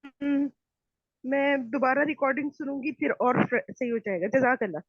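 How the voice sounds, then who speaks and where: A woman student in an online recitation class, speaking softly and repeating after the teacher. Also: high-pitched, moderate pace, no room sound. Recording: dull dry call audio.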